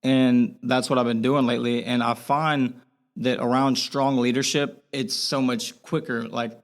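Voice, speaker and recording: A young man with a Boston accent, a podcast guest talking candidly in a halting way, with many restarts. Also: mid-range voice, flat delivery. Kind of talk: casual podcast interview.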